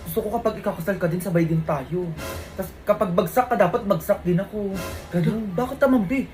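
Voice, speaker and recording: Isang babaeng may puntong Pilipino na nagko-komedya sa skit, ginagampanan ang iba't ibang karakter, pasigaw at eksaheradang pananalita. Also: female voice, mid-range voice, a little fast, darkish tone. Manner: scolding, exaggerated comic delivery. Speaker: comedy skit creator. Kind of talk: comic skit acting, playing several roles. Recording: music playing behind.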